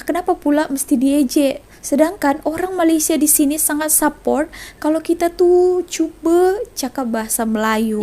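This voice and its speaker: A woman's voice: high-pitched, dark tone. A young Indonesian woman chatting casually on a reaction vlog, mixing Indonesian and Malay. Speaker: vlogger. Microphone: phone camera.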